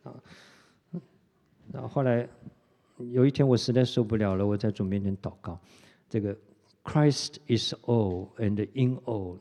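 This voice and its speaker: A middle-aged male pastor preaches to his congregation and tells a personal testimony in an animated way, with English phrases mixed into his speech. His voice is mellow and relaxed. A long reverb from a church hall trails each phrase. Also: fairly low pitch, husky. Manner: animated storytelling, mixes English words into Mandarin, tag particle "哈".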